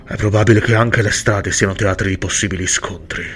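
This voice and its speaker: A man voicing a grim veteran warrior whose voice comes out muffled, as if through a mask or a wall, speaking in a low, measured, guarded way. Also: fairly even intonation, a bit bright, slight background noise. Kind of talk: audiobook character reading.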